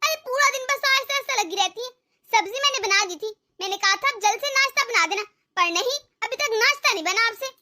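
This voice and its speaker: A bossy young cartoon daughter-in-law. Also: female voice, extremely high pitch, animated, fast talker, full character voice. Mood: scolding. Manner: sharp, scolding, impatient. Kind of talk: cartoon dub voice acting.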